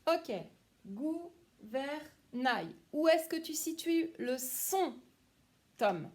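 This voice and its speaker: A woman's voice: extremely high pitch, expressive, takes it slowly, darkish tone. A woman, a primary school teacher, giving a phonics lesson to young children and praising each one by name.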